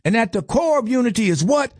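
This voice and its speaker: A man's voice: very high-pitched, lively intonation, fast, a little mellow, dry recording, clean studio sound. A man giving an impassioned lecture, stressing lists and asking rhetorical questions.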